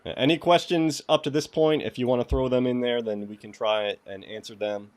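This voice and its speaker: Steady in tone and fairly quick, this medium-pitched man with a New England accent runs a relaxed livestream walking through a cybersecurity lab. Along the way he reads out quiz questions and says hello to viewers by name.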